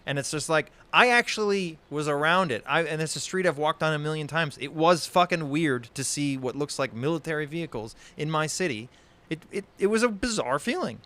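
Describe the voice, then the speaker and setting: A man's voice: fairly high pitch, animated, a little fast, a bit bright. Exasperated, swearing man ranting. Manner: frequent swearing, heated and exasperated; rambling with many restarts. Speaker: podcast host. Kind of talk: casual online discussion stream.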